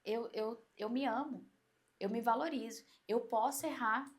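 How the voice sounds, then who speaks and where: Animated Brazilian woman coach, higher voice. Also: moderate pace. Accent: Brazilian Portuguese. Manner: animated, acts out inner voices and quotes. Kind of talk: podcast interview, explaining.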